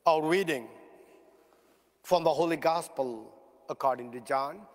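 A male priest reads scripture in a slow, measured liturgical cadence, his voice sitting a touch high for a man. The sound carries a long cathedral echo and comes from some distance away in a large church. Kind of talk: reading the Gospel at a funeral Mass.

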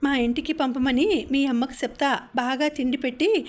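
A woman voicing a gruff, middle-aged male schoolteacher who taunts a pupil in rustic village speech, read in a storybook. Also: high-pitched, steady tone, moderate pace, natural voice. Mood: mocking.

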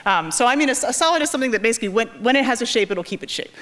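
Speaking at a racing pace, a woman with a somewhat high-pitched voice and a New England American accent lectures on physics from a large auditorium stage. Like a professor addressing a general audience, she keeps it informal and animated, frequently stopping mid-thought to restart and rephrase.

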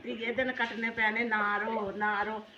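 A woman's voice: fairly high pitch, little pitch movement, measured pace, a crowd in the background, close to an everyday voice. An older woman playing an indignant mother who scolds her daughter's husband, cutting in again and again to ask what she thinks, in an amateur family skit. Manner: indignant, keeps asking "hain?". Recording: roomy, dull lo-fi sound.

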